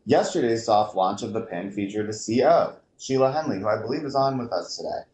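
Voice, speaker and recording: A man's voice: on the low side, lively intonation, a little fast, darkish tone. A man reading a scripted announcement in an upbeat, mock broadcast delivery. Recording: roomy echo with faint noise.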